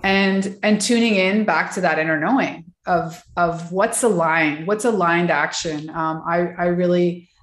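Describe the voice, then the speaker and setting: A woman coach talks through her ideas in a relaxed podcast interview, thinking aloud with fillers and restarts. Her voice sits a little low. The room around her is echoey. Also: a little slow, hardly any pauses. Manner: chatty, reflective, many fillers and restarts. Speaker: wellness and mindset coach.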